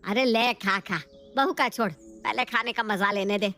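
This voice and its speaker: A woman's voice: fairly high pitch, unhurried, sharp tone, soft background music. A woman voicing a bossy, scheming middle-aged mother-in-law in a cartoon story, scolding and sly.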